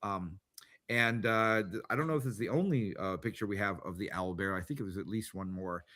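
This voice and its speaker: A man's voice: on the low side, fairly quick, fairly bright tone. A man hosting a tabletop game show, chatting casually and rambling with many fillers and restarts. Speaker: podcast host. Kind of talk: casual chat.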